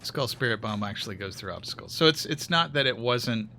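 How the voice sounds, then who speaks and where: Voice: mid-range voice, expressive, brisk, sharp tone, slight background noise. A game streamer giving casual live commentary while playing, with wry jokes and bursts of mock outrage. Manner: wry, joking asides that flare into mock outrage. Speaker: let's-play streamer.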